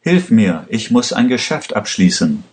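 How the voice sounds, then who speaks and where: A man's voice: fairly low pitch, big pitch swings, a little slow. A man voicing a young male prisoner who speaks urgently, in a read-aloud story. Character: young male prisoner, desperate but loyal.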